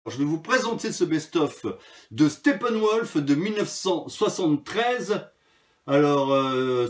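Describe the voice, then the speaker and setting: A man presenting his vinyl records in a casual video, talking freely with many hesitations and fillers. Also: mid-range voice. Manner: chatty, hesitant with frequent fillers.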